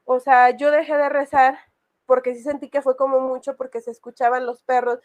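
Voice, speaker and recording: A woman's voice: high voice, flat delivery, a little fast, darkish tone. A woman casually telling a personal horror story, rambling with many fillers. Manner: rambling, full of fillers and restarts.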